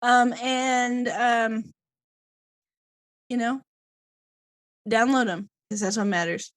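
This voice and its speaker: Woman, podcast co-host, casual chat, rambling, higher voice, dry close sound. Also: slow pace, no room sound. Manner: chatty, rambling, laughs often.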